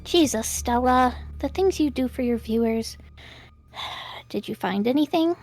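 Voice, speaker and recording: A woman's voice: fairly high pitch, animated, darkish tone, soft background music. A woman voicing a jittery, anxious young woman who frets and panics easily, in a fan voice drama. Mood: uneasy. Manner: nervous, fretful and quick to panic.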